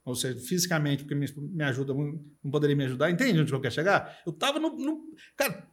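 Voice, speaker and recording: A man's voice: fairly high pitch, lively intonation, quick pace. A middle-aged man from Brazil telling his own story in casual podcast chat, emphatic, asking "you know?" after his points. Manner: emphatic, fillers like "cara" and "entendeu".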